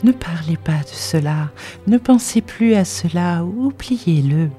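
A reader voicing a grieving woman in mourning, tender and anxious, pleading softly and rising into fervor, in an audiobook. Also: on the low side, a little slow, faint music behind, natural voice. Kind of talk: audiobook dialogue reading.

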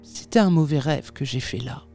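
Reader doing a haunted little man, mournful sighing pleas, audiobook tale, middle pitch, faint music behind. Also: normal speed, vocal fry, a little mellow, lightly acted. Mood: weary. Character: small man, young then old, anguished and haunted. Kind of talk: audiobook reading of a classic tale.

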